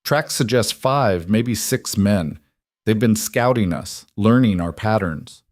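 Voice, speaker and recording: A man's voice: fairly low pitch, lively intonation, slow, a little mellow, no room sound, studio quality. A man playing a loyal ranch foreman who reports in an urgent, respectful way.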